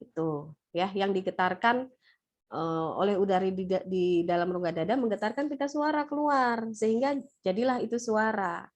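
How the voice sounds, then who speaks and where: A woman lecturing nursing students in an online class, asking them questions in a brisk, playful way. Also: mid-range voice. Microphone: laptop or webcam mic on a video call.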